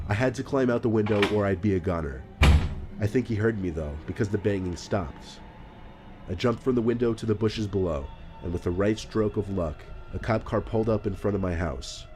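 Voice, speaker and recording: A man reading a scripted story in a calm, measured narration. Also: fairly low pitch.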